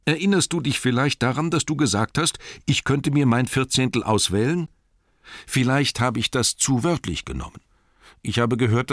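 A man voicing a small, fussy male hobbit in an audiobook, talking in a piping, hurried way. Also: medium pitch, a bit bright, no room sound, clean studio sound, voice pushed up, lightly acted. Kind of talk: audiobook character voice.

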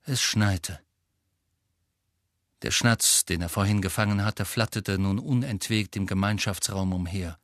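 A man reading a storybook aloud, calm and measured. He takes his time over each sentence at a slow pace. The sound is close and dry, with no room around it. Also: on the low side, dry recording. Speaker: audiobook reader. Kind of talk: storybook narration.

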